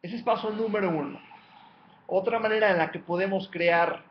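High-voiced coach in an echoey room. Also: male voice, moderate pace, lo-fi sound, a little hiss or hum. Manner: emphatic, counts off numbered steps and repeats key points. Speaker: life coach. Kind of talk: motivational coaching talk.

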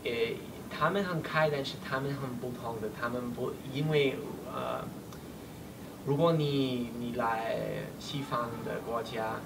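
A man in his twenties, a foreigner speaking non-native Mandarin with a foreign accent in casual conversation, halting and searching for words. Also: medium pitch. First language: not Mandarin. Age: 20s. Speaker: learner of Chinese. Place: small indoor room, seated on a sofa. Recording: distant mic, noisy room ambience.

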